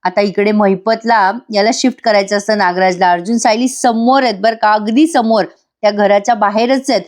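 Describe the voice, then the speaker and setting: A woman's voice: mid-range voice, fairly even intonation, fairly quick. A woman giving a voice-over review of a TV serial episode, chatty and constantly turning to her viewers. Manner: chatty, keeps addressing viewers.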